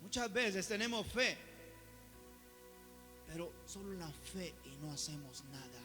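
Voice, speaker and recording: A man preaching a sermon, moving between quiet, soft-spoken asides and loud, fervent exhortation. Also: fairly high pitch, expressive, measured pace. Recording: reverberant hall with soft music behind.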